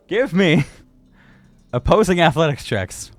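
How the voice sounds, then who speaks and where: A man's voice: fairly high pitch, big pitch swings, drawn-out words. A man improvising narration and rulings as game master at a tabletop game.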